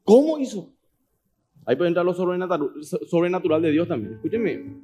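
A pastor preaches in a notably high voice. He retells scripture in a lively way, voicing the characters and checking that the congregation follows along. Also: fairly quick, faint music behind. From Paraguay. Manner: storytelling, acts out dialogue, asks the congregation. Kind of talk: sermon.

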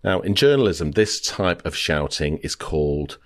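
A middle-aged man from the UK hosts a podcast and recounts his days as a reporter in a chatty monologue. His voice sits very low, and he leans on "you know" as he talks. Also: animated, normal speed. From United Kingdom. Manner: conversational, frequent "you know" fillers. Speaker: podcast host, former reporter. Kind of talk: storytelling monologue.

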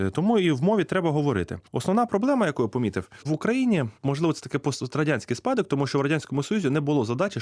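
Fast-talking Ukrainian man explaining. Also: mid-range voice, no room sound, clean studio sound. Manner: fast, animated explaining with examples and analogies. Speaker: Lithuanian language teacher. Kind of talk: interview answers.

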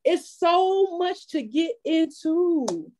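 A woman preaching a sermon at a church women's fellowship, lively and conversational, drawing call-and-response from the congregation. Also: extremely high pitch, extremely slow, a little hiss or hum, low-quality recording.

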